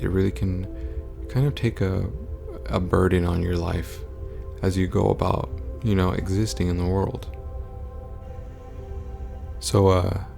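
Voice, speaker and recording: Hushed, deep creaky man. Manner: hushed, low talking, as in a quiet house at night; monotone, stoic delivery. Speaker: content creator. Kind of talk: casual vlog update to viewers.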